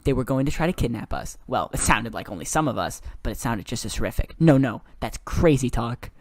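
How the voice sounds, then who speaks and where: A man's voice: medium pitch, lively intonation, a little fast, no room sound. A man reading his own story aloud, often breaking into giggles.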